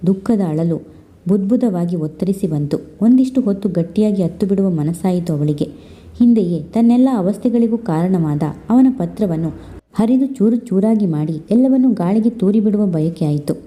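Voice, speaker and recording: A woman narrating a literary love story in a steady, expressive reading voice. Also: medium pitch, normal speed.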